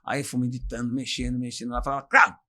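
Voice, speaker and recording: A man's voice: medium pitch, fast talker. A man with an inland São Paulo accent, a podcast guest telling funny stories from his playing days in a casual chat and laughing as he goes. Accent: São Paulo interior. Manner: animated storyteller, laughs through anecdotes. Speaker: podcast guest, former footballer.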